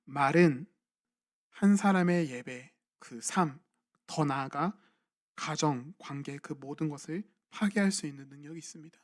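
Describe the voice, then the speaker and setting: A man's voice: a little high, measured pace. A young man, a junior pastor, preaching a sermon in a church and asking his congregation questions in a conversational way. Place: church sanctuary at a midweek evening service.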